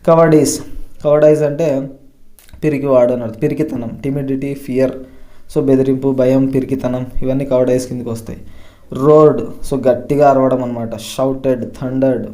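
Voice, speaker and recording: A man's voice: mid-range voice, dark tone. A man teaching English vocabulary, going through word lists and stressing each new word before he explains it. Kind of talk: vocabulary lesson explained in Telugu.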